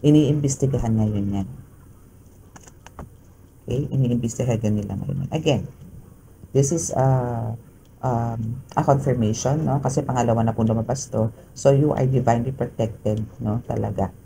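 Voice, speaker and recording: A tarot reader with a Filipino accent talks through a casual reading in a very dark, mellow tone with a gravelly fry underneath. The delivery is chatty, with fillers and a steady run of tag questions to the viewer. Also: mid-range voice, moderate pace, long pauses, slight background noise, poor audio.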